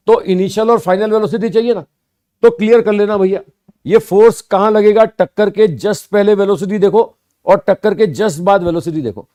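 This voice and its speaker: A middle-aged man teaches physics online, explaining each step and repeating key phrases for his students. His voice sits a little high. It has a soft, mellow tone.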